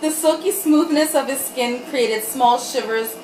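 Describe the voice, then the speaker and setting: Woman, tipsy comic reader, highish voice, irreverent delivery with asides. Roomy recording with faint noise. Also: unhurried, a little mellow. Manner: irreverent, giggly, tipsy, breaks off to comment. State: tipsy from wine. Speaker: reader and host of a comic group reading. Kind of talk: dramatic reading of erotic fiction with joking asides. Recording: roomy, distant mic, faint background noise.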